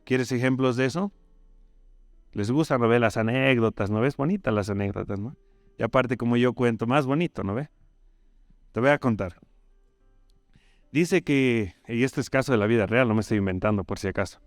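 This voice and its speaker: A man's voice: medium pitch, moderate pace, long pauses, dry recording, clean studio sound, soft background music. A man with a Bolivian accent preaching a sermon. He tells the story conversationally and keeps asking tag questions of his listeners. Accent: Bolivian Spanish.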